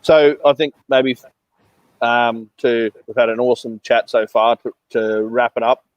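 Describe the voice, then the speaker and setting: A male co-host of a live business talk show, calmly affirming points and summing up the discussion. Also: medium pitch, unhurried, dry recording, lo-fi sound. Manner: calm, affirming, summarizing. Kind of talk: casual panel chat.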